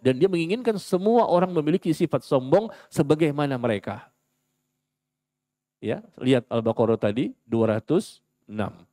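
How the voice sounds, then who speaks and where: A man giving a sermon in a mosque, lively and theatrical, acting out quoted voices and asking the congregation questions. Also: fairly high pitch, dry recording, studio quality. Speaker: preacher.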